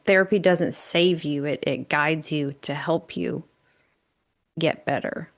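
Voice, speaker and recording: A woman's voice: low voice, slow. A woman co-hosting a casual chat, talking candidly and animatedly with asides and mild swearing. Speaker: podcast co-host.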